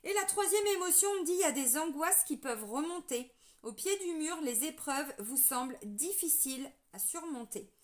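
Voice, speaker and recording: A woman's voice: high-pitched, animated, normal speed. A French woman doing a casual spiritual reading, talking straight to her viewers with lots of fillers and restarts. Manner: chatty, addresses viewers directly, many fillers and restarts. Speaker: tarot reader giving a spiritual guidance. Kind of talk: casual spoken guidance to viewers.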